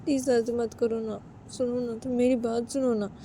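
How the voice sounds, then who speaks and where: Tearful young woman, pleading and crying, high and loud, as a woman narrator puts her on. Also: level tone, moderate pace, slight background noise, natural voice. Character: heartbroken young woman sobbing to her mother-in-law.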